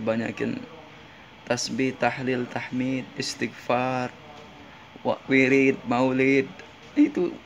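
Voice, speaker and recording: A man's voice: mid-range voice, vocal fry, slight background noise. A man giving a casual Islamic sermon, reciting Arabic sayings and translating them, often asking his listeners if he's right. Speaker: preacher. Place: in Jeddah.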